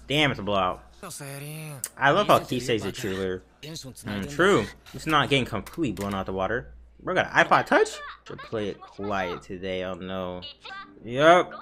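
A man reacting to an anime episode in casual slangy commentary, swinging from low mutters to shouts of disbelief. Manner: excitable, bursts into shouts of disbelief; slangy, says "bro" constantly.

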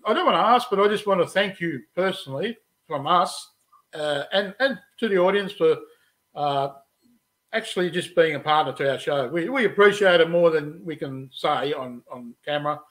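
A man's voice: a little high, expressive, moderate pace, fairly bright tone. A middle-aged man co-hosting a casual show, chatty and joking, with restarts. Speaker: podcast co-host. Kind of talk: casual chat. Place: studio room, then wood workshop.

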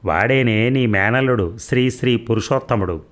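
A man's voice: mid-range voice, normal speed, natural voice. Man voicing a wry retired husband.

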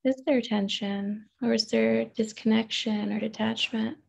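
A woman therapist guides a meditation gently and without hurry, pausing often and posing open questions. Her voice sits on the high side, level in tone, with some creak.

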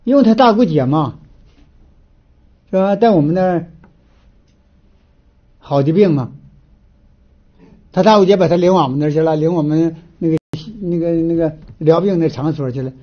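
Northeastern Mandarin man, folksy lecturer, high animated voice, restarts a lot, muffled lo-fi audio. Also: moderate pace, pauses often. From Northeast China. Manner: animated storyteller, frequent filler restarts. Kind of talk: folksy moral lecture with storytelling. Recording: dull lo-fi recording.

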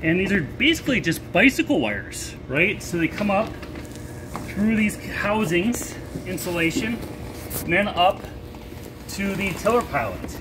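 A man's voice: high-pitched, a little slow, background noise. Older man explaining a boat repair. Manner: relaxed, explains step by step while working. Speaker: sailing vlogger. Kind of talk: hands-on how-to demonstration. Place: large boat storage shed, indoors.

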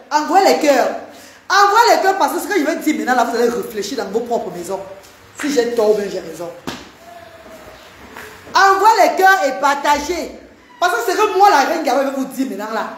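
A woman's voice: high-pitched, roomy sound, slight background noise. A Cameroonian woman with a Cameroonian French accent, live-streaming to her viewers, emphatic and repetitive as she scolds and banters with them.

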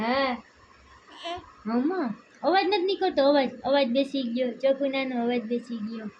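High-voiced young mother, doting and chatty, home vlog, dull noisy audio. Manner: chatty, doting, talks to her small daughter. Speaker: family vlogger, mother. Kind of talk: casual home vlog chat. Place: home, indoors. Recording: dull muffled home audio with loud background noise.

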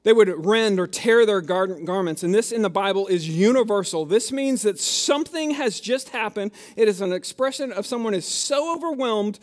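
A pastor with a high voice delivers a sermon. He preaches conversationally, slipping in jokes and restarting his sentences as he goes. He sounds middle-aged. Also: lively intonation, moderate pace, few pauses.

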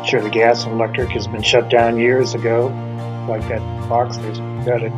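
Outdoors in the snow, a middle-aged urban explorer vlogger chats enthusiastically to a handheld camera held at arm's length as he walks around an abandoned motel, drifting into wandering asides. His mid-range voice has a flat delivery at normal speed. The lo-fi audio sits over music.

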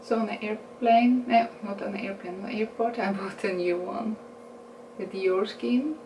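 Recorded from a distance on a camera mic, this mid-range female voice sounds roomy, with a steady hiss, in a small indoor space. The speaker, a Norwegian beauty vlogger in her forties, casually talks through a makeup haul in accented English, unhurried and chatty, correcting herself and laughing at her own English.

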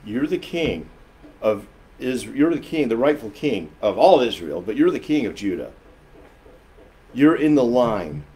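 A man preaching a sermon as pastor, earnest and emphatic, swinging between loud and soft and often repeating phrases as he explains. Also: medium pitch, big pitch swings, unhurried.

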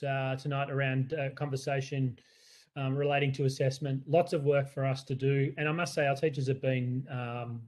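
An Australian man who leads a school, presenting to parents in an earnest, conversational way with many fillers and restarts. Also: mid-range voice. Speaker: school leader.

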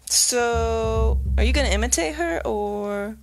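A woman playing a matter-of-fact granddaughter who insists with flat deadpan calm. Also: on the high side, slow pace, gravelly, soft background music.

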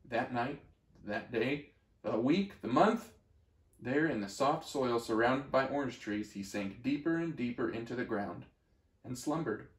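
A man reading a children's storybook aloud in a gentle, expressive way. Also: medium pitch, unhurried, reverberant. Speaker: story reader.

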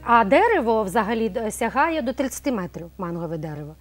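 A woman's voice: a little high, very animated, fast. A middle-aged woman, a cosmetologist guest on a morning TV show, explaining things in a chatty way with frequent hesitations. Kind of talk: morning TV studio conversation.

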